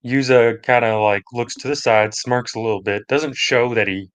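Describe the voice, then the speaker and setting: A man at a tabletop game who casually describes his character's actions. His voice sits at an even middle pitch. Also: normal speed. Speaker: player.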